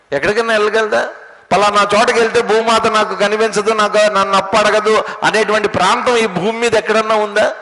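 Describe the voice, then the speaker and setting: A spiritual teacher giving a religious discourse, telling stories and asking rhetorical questions. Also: male voice, high voice, fairly bright tone. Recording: long hall reverb.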